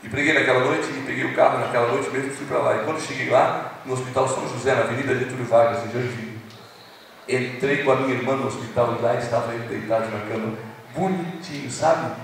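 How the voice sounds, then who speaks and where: A Brazilian man preaching a sermon as a pastor, telling a story and dropping from loud to hushed. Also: mid-range voice, fairly even intonation, fast, a little hiss or hum. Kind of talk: evangelistic sermon. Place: large church hall. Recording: echoey hall recording from a distance.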